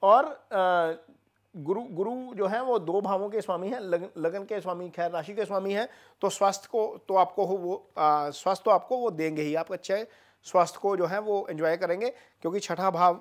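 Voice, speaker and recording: An astrologer explaining a horoscope to viewers in a steady, explanatory way, pausing often with "uh" fillers. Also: mid-range voice.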